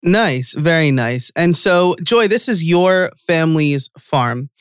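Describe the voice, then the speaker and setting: A man's voice: fairly high pitch, lively intonation, slow, clear, resonant tone, no echo, clean studio sound. Enthusiastic New York man hosting. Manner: enthusiastic, upbeat, laughs easily. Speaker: podcast host. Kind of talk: casual podcast chat.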